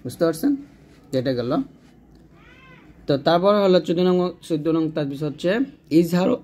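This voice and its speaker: A man with a Bangladeshi Bengali accent giving a step-by-step tajweed lesson, spelling out letters and drilling each syllable slowly. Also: on the high side, warm tone. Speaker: Quran recitation teacher.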